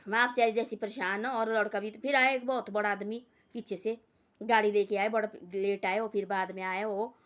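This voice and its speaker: A woman's voice: medium pitch, fairly even intonation, a little fast, fairly bright tone. A woman telling a moral story in a casual, earnest way. She repeats herself often and keeps tagging quotes with "he said.".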